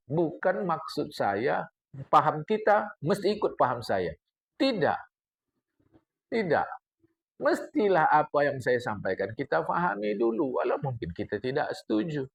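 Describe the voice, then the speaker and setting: An older man teaches a study circle, his speech lively and full of asides to the listeners. His voice is gravelly with a slightly raised pitch. He recites Arabic lines and then unpacks them plainly. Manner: animated lecturing, addresses the congregation, recites Arabic text then explains. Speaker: religious teacher. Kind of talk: mosque study-circle sermon.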